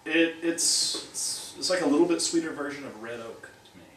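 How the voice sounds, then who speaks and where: A man's voice: on the high side, moderate pace, fairly bright tone, a little hiss or hum. Laid-back joking man in an echoey room. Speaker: co-host of a beer review show. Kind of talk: casual chat. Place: home room. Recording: echoey room, mic at a distance.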